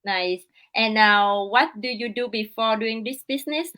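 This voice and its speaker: A woman with a Vietnamese accent hosting a casual livestream over a video call, talking with many fillers and pauses. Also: on the high side, sharp tone. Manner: hesitant, many fillers, broken English. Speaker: livestream host.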